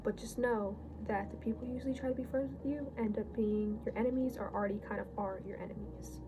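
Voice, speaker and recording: A teenage girl in a casual get-ready-with-me chat, rambling and correcting herself as she goes, her voice a little hoarse, recorded on a phone. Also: mid-range voice, fairly even intonation, quick pace, background noise. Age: late teens. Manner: rambling, chatty, self-correcting. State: slightly hoarse. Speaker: beauty vlogger. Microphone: phone camera.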